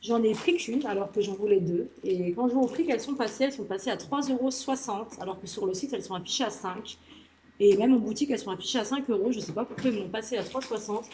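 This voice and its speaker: A woman's voice: fairly high pitch, quick pace, mellow, reverberant, a little hiss or hum, rough recording. A woman vlogging casually about a nail polish haul, chatty and gushing, with lots of filler words. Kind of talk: casual product haul video. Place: indoor room with a lamp.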